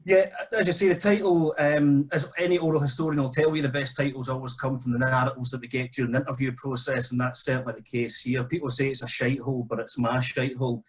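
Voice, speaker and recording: A man's voice: mid-range voice, fast talker, few pauses. Man presenting an academic seminar paper. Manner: relaxed, conversational, with restarts.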